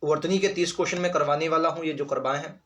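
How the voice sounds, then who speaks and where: A man teaching an exam spelling lesson, who goes through each question, repeats words slowly and keeps checking with the class. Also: on the high side, steady tone, a bit bright. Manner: repeats words slowly and drills answers with "ठीक है"; addresses students as friends, occasionally apologizes.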